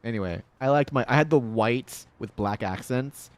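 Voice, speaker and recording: A man's voice: medium pitch, moderate pace, dry recording. Man chatting casually on a game stream. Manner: rambling, jokey, swears casually. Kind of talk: casual gaming stream chat.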